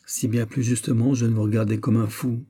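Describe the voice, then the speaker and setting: A man's voice: medium pitch, fairly even intonation, a little fast, mellow, slightly rough, natural voice. A man reading a cold, stern young nobleman.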